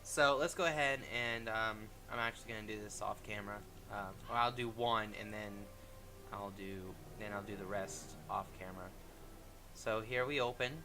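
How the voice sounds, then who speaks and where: A man's voice: on the low side, fairly even intonation, normal speed, sharp tone. A man hosting a game walkthrough with casual commentary, thinking aloud informally.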